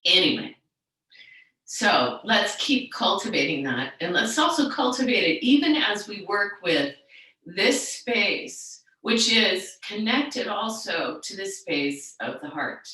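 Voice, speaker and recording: A middle-aged woman teaching a yoga class, telling a story in a rambling, chatty way and then guiding the class gently into a seated relaxation. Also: medium pitch, sing-song, slow pace. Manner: rambling, chatty storytelling with many restarts and fillers. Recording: very echoey room, far from the mic.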